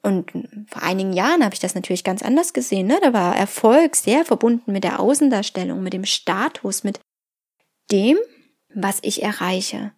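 Calm, reflective woman podcaster. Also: medium pitch, normal speed. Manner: calm, addresses the listener directly, drops to a soft whisper at times. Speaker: podcast host. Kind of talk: reflective self-help monologue.

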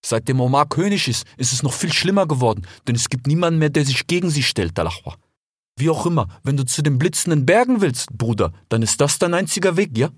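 Man doing a husky, sing-song desert fox hustler, buddy-buddy and persuasive; lively up-and-down delivery. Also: a little high, fairly quick, no room sound, studio quality. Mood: coaxing. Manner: chatty, keeps tagging "ja?" and "ich schwör". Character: smooth-talking male desert fox, chummy and persuasive. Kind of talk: audiobook character voice.

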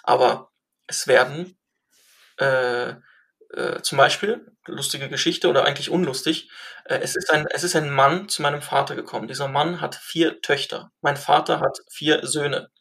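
A young man in casual conversation, his voice a little high with a gravelly fry running through it. He tells stories in an animated way, stumbling and restarting as he goes. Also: moderate pace. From family from Syria. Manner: animated storytelling, many fillers and restarts.

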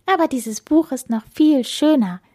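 A woman's voice: sits high, measured pace, warm tone, voice pushed up. Woman playing a firm bookish little girl. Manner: firm, insistent. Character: determined bookish young girl.

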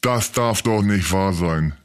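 A man's voice: sits low, slow, clean tone. A man hosting a scripted comedy sketch, playing a teasing, exasperated straight man.

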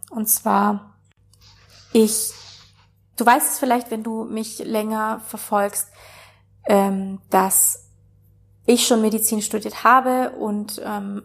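A young woman speaking earnestly and reflectively to her followers, sharing a personal story with pauses and fillers. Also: a little high, creaky, husky.

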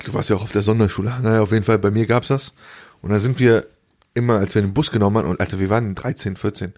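A man's voice: lowish voice, fairly even intonation, rapid-fire, a little mellow. A young man co-hosting a casual podcast, telling anecdotes, laughing at his own jokes and mimicking other people's voices. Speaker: podcast co-host. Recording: remote call audio.

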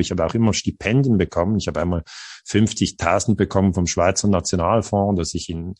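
Husky man, earnest and halting. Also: deep voice, darkish tone, dry recording, clean studio sound. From Switzerland. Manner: earnest, searching for words with frequent hesitations. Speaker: interview guest. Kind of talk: reflective personal storytelling.

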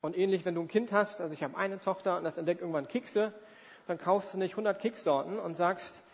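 A man in his forties preaches a sermon in a conversational, emphatic style, using everyday examples, rhetorical questions and acted-out asides. His voice is high and brisk, recorded in a reverberant hall.

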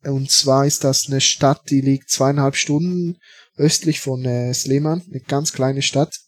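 Flat-voiced man, halting. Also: medium pitch, no room sound. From Switzerland. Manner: hesitant, many fillers and restarts. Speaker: podcast guest, football fan. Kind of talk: casual interview talk.

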